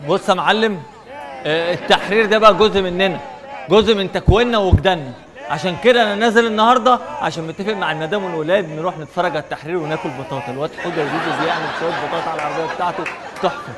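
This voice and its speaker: Man playing very fast, loud Egyptian protester. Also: high-pitched, natural voice. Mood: chatty, enthusiastic. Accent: Egyptian, varying by regional character. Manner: loud, emphatic, colloquial. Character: indignant, chatty male protester with petty demands. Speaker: citizen interviewed in the street. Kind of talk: parody vox pop. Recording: echoing hall, crowd noise.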